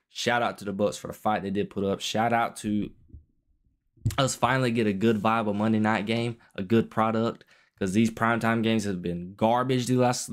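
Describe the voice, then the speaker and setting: A young man with a somewhat low voice talks through a football game like a casual vlogger. He keeps his delivery restrained, as someone quiet at night while the house sleeps. He often circles back to repeat a point in slightly different words. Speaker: sports vlogger.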